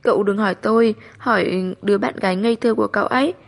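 A woman's voice: medium pitch, steady tone, fast, vocal fry. A woman doing a furious young stepmother. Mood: accusing. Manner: sharp, scolding. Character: angry young stepmother, shrill and accusing.

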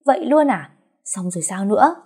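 A woman's voice: mid-range voice, expressive, fairly quick, breathy edge, pitched above the performer's own voice. A woman voicing a brash, tipsy, scheming young wife who wails theatrically. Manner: loud, theatrical, wheedling wails.

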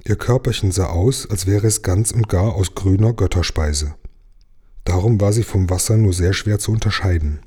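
A man reading a children's book aloud in a steady, expressive storytelling voice. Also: deep voice, moderate pace, slightly rough. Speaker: reader.

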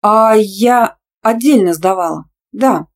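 A woman's voice: mid-range voice, moderate pace, voice pushed up, close to an everyday voice. A woman voicing a young female student who answers back sharply and defiantly. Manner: sharp, defiant, easily outraged.

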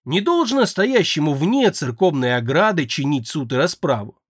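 Man voicing a shrill frightened young mage. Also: sing-song, normal speed, no room sound, clean studio sound. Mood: fearful pleading. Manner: pleading, shrill and anxious. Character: young male air mage, frightened and tearful.

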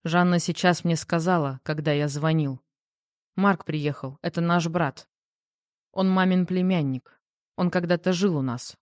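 A woman's voice: fairly low pitch, unhurried, darkish tone, dry recording, studio quality, lightly acted. A woman reading the part of a rattled, irritable grown man who answers curtly in an audiobook. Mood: defensive. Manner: curt, defensive replies.

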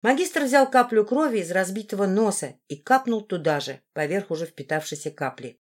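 A woman narrating a fantasy audiobook in the first person, with expressive storytelling. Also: medium pitch, normal speed.

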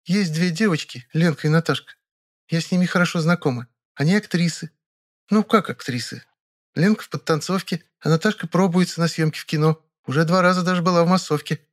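Picture a chatty, flirtatious woman in her thirties, as a male audiobook reader puts her on, speaking much higher than his own voice. She coaxes and turns whiny when told no. It is a storybook voice done by the narrator. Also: a little fast, lightly acted. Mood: eager. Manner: coaxing, whiny when refused.

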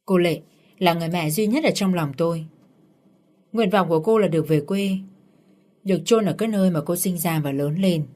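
A woman's voice: fairly low pitch, a little fast, long pauses, warm tone. A woman narrating a dramatic story in the first person, reading all the characters' lines herself. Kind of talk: storytelling narration with voiced dialogue.

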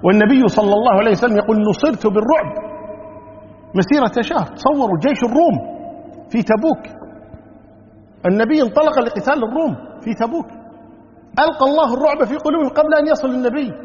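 Male preacher, high and quick, explains verses word by word, echoing hall, dull lo-fi sound. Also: darkish tone. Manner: explains verses word by word, repeats key phrases. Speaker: Islamic preacher. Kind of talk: Quran tafsir lesson. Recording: dull lo-fi recording with hall reverb.

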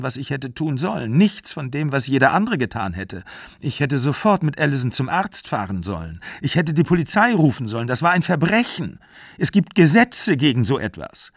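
A man's voice: medium pitch, creaky, no echo, studio quality. A man voicing a distraught young mother, speaking in an earnest, pleading way in a literary audiobook reading.

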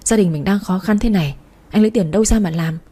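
A woman's voice: mid-range voice, fast, dark tone, husky, lightly acted. A woman voicing a worried husband who argues against a costly treatment. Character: worried husband, short of money.

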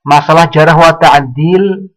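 A man giving a religious study lecture, speaking in a measured way and quoting Arabic passages. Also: on the high side, poor audio. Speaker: Islamic teacher.

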